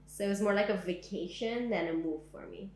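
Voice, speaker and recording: Speaking briskly in a medium, slightly mellow voice, a young woman from Syria recalls her past during an oral history interview in her living room. Her reflective talk is full of "like" and "um". The room echoes, and there's a little hiss or hum.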